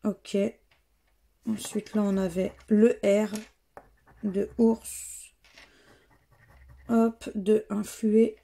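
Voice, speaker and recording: Slow gravelly French woman murmuring. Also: medium pitch, flat delivery, warm tone. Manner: slow, murmured, reads letters aloud one by one. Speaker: scratch-card vlogger. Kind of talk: casual commentary while scratching tickets.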